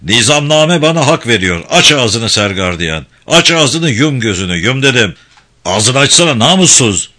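A man playing a volatile, shouting prison director. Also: mid-range voice, expressive, normal speed. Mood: raging. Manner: shouting, blustering threats. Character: hot-tempered male prison director, volatile.

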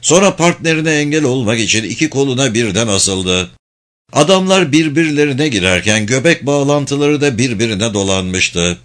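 Man narrating an audiobook, measured. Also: mid-range voice, expressive, a bit bright. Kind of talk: scripted narration.

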